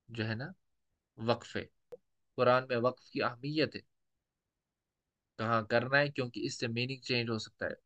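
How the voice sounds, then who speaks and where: Man, tajweed teacher, bright clear voice, patient lecture, slow repeated examples. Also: medium pitch. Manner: explains patiently, repeating words slowly as examples.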